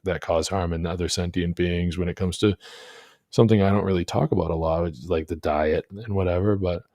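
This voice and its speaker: Deep-voiced man hosting a casual chat. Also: fairly even intonation, brisk, darkish tone, dry recording, clean studio sound. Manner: rambling, many restarts and fillers. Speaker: host.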